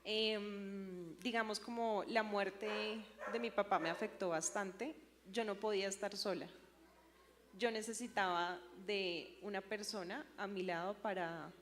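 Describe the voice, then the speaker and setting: A woman's voice: mid-range voice, steady tone, measured pace, in a large hall, background noise. A young woman, sharing a personal church testimony in a hesitant way with many fillers. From Colombia. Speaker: church member giving testimony.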